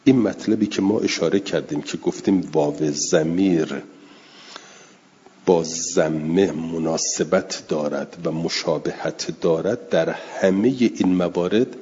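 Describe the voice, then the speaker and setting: A man teaching a classroom lecture on Quranic recitation, reading Arabic text slowly and deliberately before explaining it. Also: deep voice, warm tone, husky. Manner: slow and deliberate, reads Arabic then explains. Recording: reverberant, dull lo-fi recording with faint hiss.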